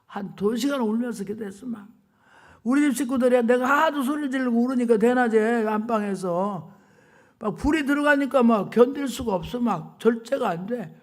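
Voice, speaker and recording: A woman's voice: a little high, normal speed. An older woman preacher giving an emotional sermon testimony in a dramatic, colloquial, emphatic way. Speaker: revival preacher.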